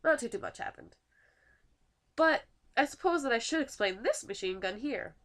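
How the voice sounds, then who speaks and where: A woman's voice: fairly high pitch, animated, moderate pace, a bit bright. A teenage girl with a nasal, stuffy voice, narrating a school project video in a chatty, self-deprecating way. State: stuffy nose from a winter cold. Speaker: student YouTuber.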